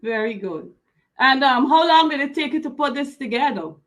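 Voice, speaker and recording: A woman's voice: high voice, expressive, normal speed. A woman hosting an interview, speaking effusively and often repeating her words. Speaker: interview host.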